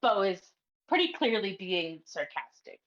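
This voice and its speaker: Slow-talking woman game master. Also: mid-range voice, very animated, fairly bright tone, highs cut off. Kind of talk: narrating a tabletop game.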